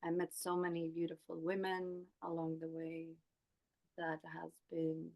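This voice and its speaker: A woman in her forties from Sweden, a guest telling her personal story in a soft, hesitant way with many pauses and restarts. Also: lowish voice, monotone, vocal fry, poor audio. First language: Swedish. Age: 40s.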